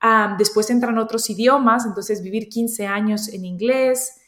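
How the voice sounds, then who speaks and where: Speaking in a reverberant space, this interview guest is a woman in her thirties from Colombia with a mix of Colombian and Spanish accents. Her fairly high, slightly bright voice holds a steady tone and measured pace. She reflects as she answers, frequently restarting her thoughts.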